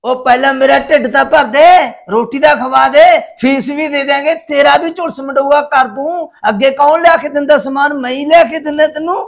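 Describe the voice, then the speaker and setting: A man's voice: very high-pitched, steady tone, moderate pace, creaky, few pauses. A man playing a drunken, quarrelsome husband who blusters and threatens his wife over dinner. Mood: angry. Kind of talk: village short-film acting.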